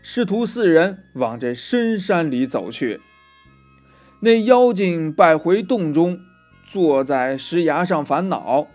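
A male storyteller narrates a children's tale in a high, unhurried voice. He lilts along, stretching his sentence-end particles, with faint music playing underneath. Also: animated, a little mellow. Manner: lilting, with drawn-out particles.

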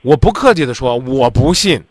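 A man's voice: mid-range voice, lively intonation, moderate pace, no room sound, studio quality. A man hosting a radio call-in advice show, talking bluntly and insistently, lecturing the caller.

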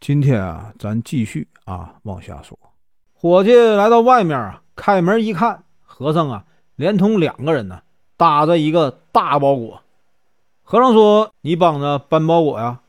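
A man's voice: on the high side, very animated, measured pace, no echo, studio quality. A man narrating a traditional folk tale in a chatty, conversational way, stretching out filler particles between phrases. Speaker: storyteller.

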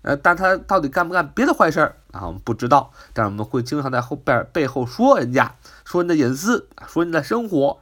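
A man teaching English vocabulary, spelling words out letter by letter and explaining them in Mandarin. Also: fairly bright tone. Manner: rises in pitch on questions. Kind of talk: vocabulary lesson.

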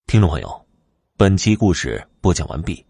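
A man narrating a scripted horror story in a dramatic, expressive reading style. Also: deep voice, normal speed, gravelly, breathy edge, no echo, clean studio sound.

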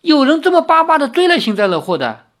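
A reader voicing a proud, sharp-tongued young swordswoman in an audiobook of a novel, mocking and quick to take offense. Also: mid-range voice, very animated, husky. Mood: indignant. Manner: quick-tempered, mocking and sulky. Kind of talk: audiobook reading.

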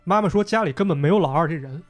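A man with a fairly high voice tells a story in a relaxed podcast chat. He slips into the characters' lines as he narrates. Faint music plays underneath. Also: rapid-fire. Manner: lively retelling, voicing characters in quotes. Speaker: podcast host. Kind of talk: casual storytelling.

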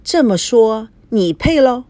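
A woman's voice: mid-range voice, big pitch swings, a little slow, darkish tone, dry recording. A woman voicing a jealous, sullen young man arguing with his friend in a storybook reading. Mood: resentful. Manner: tense and sullen.

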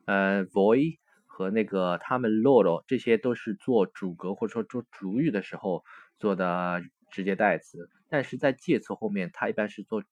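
A man walks through a recorded textbook lesson. He explains patiently, pausing on fillers and correcting himself now and then. The sound is dry and close, with little room in it. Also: on the low side, no room sound. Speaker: Italian language teacher.

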